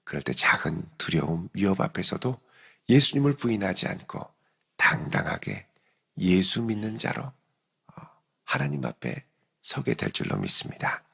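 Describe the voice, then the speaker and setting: Animated pastor, gravelly voice. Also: male voice, sits low, normal speed, big-room sound. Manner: animated, acts out quotes and dialect jokes. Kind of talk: early-morning sermon. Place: church sanctuary.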